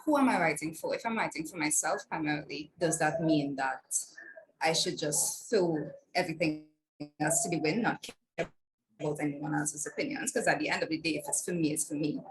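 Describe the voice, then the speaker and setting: A woman's voice: deep voice, fairly quick, a crowd in the background. A woman on a panel, talking in a hesitant, searching way over a video call stream that keeps breaking up. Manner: hesitant and searching, thinking aloud. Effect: choppy, breaking-up video call stream. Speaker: MFA student panelist. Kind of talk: casual panel discussion. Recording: noisy, glitchy video-call audio.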